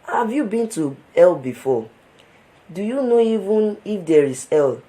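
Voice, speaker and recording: A man's voice: sits high, sing-song, measured pace, mellow, low-quality recording. An actor with a Nigerian accent playing a cynical young man who talks street slang, sneering and scoffing. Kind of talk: film drama acting.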